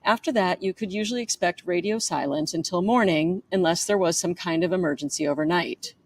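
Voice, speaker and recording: Woman, author reading her own memoir; fairly low voice, chatty delivery with offhand asides and quick self-corrections. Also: a little hiss or hum. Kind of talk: reading a memoir chapter aloud.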